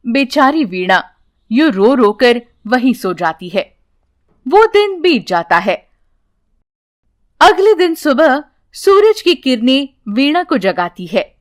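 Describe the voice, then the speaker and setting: A young woman tells a children's bedtime story in a high, light voice. She reads slowly and clearly, in a plain, even storybook delivery. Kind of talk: scripted narration of a children's story.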